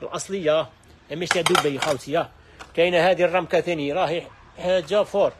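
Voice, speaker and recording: Algerian guy hawking pots and dishes on a live stream, super fast, keeps saying look look, higher voice. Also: fairly even intonation, background noise. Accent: Algerian Arabic. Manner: rapid and repetitive, constant "look" and "here" calls. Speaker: shop seller on a live stream. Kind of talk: live sales pitch. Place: household goods shop.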